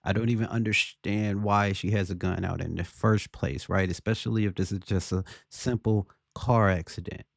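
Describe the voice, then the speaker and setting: Low, gravelly-voiced man giving commentary. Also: steady tone, normal speed, few pauses, dry recording, clean studio sound. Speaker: video commentator. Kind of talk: casual opinion commentary on a video clip.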